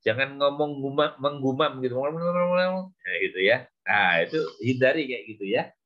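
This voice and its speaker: A man lecturing on public speaking, with many short fillers and a measured, explaining manner. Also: mid-range voice. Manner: slow, with frequent "ya" and "gitu ya" fillers. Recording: dull lo-fi recording.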